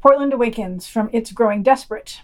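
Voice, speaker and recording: A woman with a slightly high voice speaks briskly as a podcast host, reading scripted news summaries and quoted articles aloud. When she reads quotations, she announces "quote" and "unquote."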